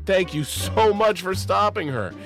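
A man's voice: high-pitched, animated, a little slow, a bit bright, soft background music, voice pushed up, full character voice. A man doing a gushing, sing-song security guard. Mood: excited.

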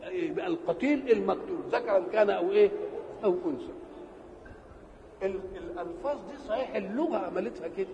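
A man with an Egyptian Arabic accent giving a religious lesson. He asks questions and answers them himself, and he stretches key words slowly for emphasis. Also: high voice, lively intonation, mellow, lo-fi sound. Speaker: religious teacher. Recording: reverberant hall with faint background noise.

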